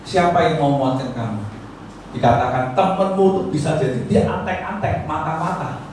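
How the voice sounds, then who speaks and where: In a church hall, a male pastor exhorts his listeners with rhetorical questions and rising, emphatic lines. His fairly high, slightly mellow voice moves at a normal speed, recorded from a distant mic in an echoey hall with a little hiss or hum.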